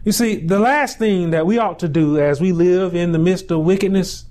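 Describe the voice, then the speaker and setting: Wearing a lapel mic in a small indoor room, this fortysomething pastor preaches with stretched-out, unhurried lines that swell into shouts. His pitch sits high.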